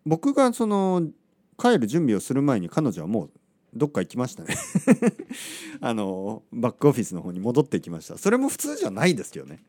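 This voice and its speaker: Male podcaster, casual anecdote teller, warm dark voice, acts out the people he quotes, leaves almost no room sound. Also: mid-range voice, fairly quick, dry recording. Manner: animated, acts out quotes, asks listeners rhetorical questions. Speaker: podcast host. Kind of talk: casual storytelling monologue.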